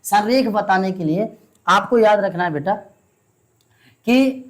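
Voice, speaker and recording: Woman, maths teacher, patient, step-by-step explanation, quizzes her students, middle pitch. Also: moderate pace. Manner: patient, keeps asking the students questions and calls them "beta".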